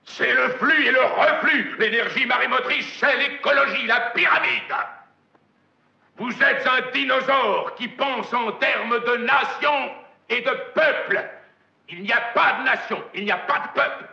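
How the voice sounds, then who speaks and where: An actor playing a domineering, messianic corporate magnate in a film monologue, with hammy, theatrical stage declamation and a gravelly voice. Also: male voice, deep voice, unhurried, sharp tone, exaggerated voice. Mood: thundering, wrathful. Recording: dull, echoey film soundtrack.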